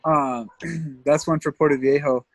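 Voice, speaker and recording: A man's voice: fairly high pitch, fairly even intonation, unhurried, gravelly, no room sound. A man from Canada, a tour guide, telling rambling stories in a casual interview, laughing often and leaning on fillers.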